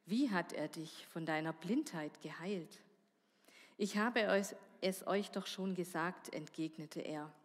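A woman reading a Bible passage aloud in church, measured and giving each speaker's lines some voice. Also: fairly low pitch. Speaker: scripture reader. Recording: church hall reverb.

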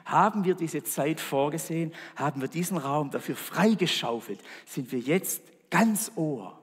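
A man preaching a sermon, moving between raised calls and hushed whispers. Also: a little high, expressive, measured pace, breathy edge. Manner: dramatic, shifts between loud calls and soft whispers. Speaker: pastor. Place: church. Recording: long church reverb.

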